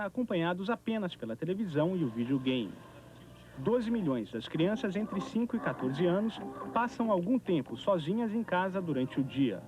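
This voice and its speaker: A man with a Brazilian accent narrating a scripted TV news report, recorded on an old VHS tape. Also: sits high. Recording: noisy 1990s VHS tape of TV broadcast.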